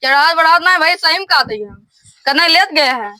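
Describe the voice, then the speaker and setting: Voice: very high-pitched, animated, a little fast, sharp tone, dry recording, exaggerated voice. A performer with an Awadhi accent playing a sceptical, indignant villager scolding others in a rural comedy skit. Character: sceptical, indignant villager objecting to a cheap sale.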